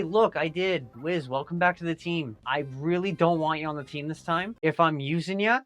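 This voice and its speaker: A man hosting a video game playthrough, talking to the game as he plays, grumbling one moment and excited the next. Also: on the high side. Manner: animated, talks to the game, swings between grumbling and excited. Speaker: gaming channel host. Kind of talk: let's play commentary.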